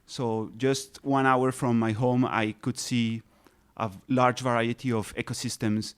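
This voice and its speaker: A Colombian-raised man in his thirties appears as an ecologist guest in an interview, patiently explaining his research with frequent restarts and fillers. His mid-range voice is clean and level, and he speaks unhurriedly.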